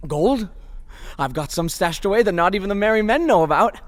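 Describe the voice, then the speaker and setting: An actor playing a defiant caged young outlaw in a radio play, pleading and boasting, now and then breaking into loud singing. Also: male voice, high-pitched, expressive, a little fast, big-room sound. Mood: pleading, ranting. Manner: boastful, pleading, bursts into shouting song.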